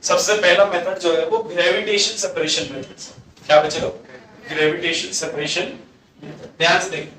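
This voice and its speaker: A man's voice: sits high, level tone, normal speed, bright, forceful tone, distant mic. A man teaching a classroom lecture, mixing Hindi with English terms and quizzing the class with questions he answers himself. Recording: echoey room, voice off-mic, faint hum.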